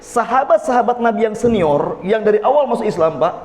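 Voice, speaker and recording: This mosque sermon comes from a man whose high, slightly mellow voice moves briskly with lively intonation. He jokes with the crowd in a folksy way and often speaks to them as "Pak", all under the long echo of the hall.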